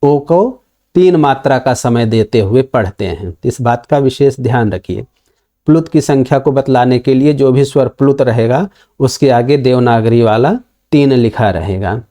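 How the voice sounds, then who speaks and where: A man gives a recorded online lesson in a mellow, darker voice at a medium pitch. He talks patiently and walks through each verse line by line. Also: normal speed. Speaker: Sanskrit grammar teacher.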